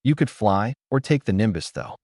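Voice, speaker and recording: A man voicing an eager, cheerful young boy who excitedly pleads with his mother in a storybook reading. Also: lowish voice, normal speed, no echo, clean studio sound, lightly acted. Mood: pleading.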